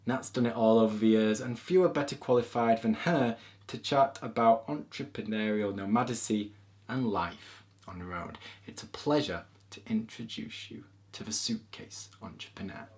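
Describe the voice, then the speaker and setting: A podcast host from England with a Yorkshire accent reads a playful introduction and then chats casually with his guest in an interview. His voice sits fairly low at a moderate pace, with the lively, playful quality of a storyteller.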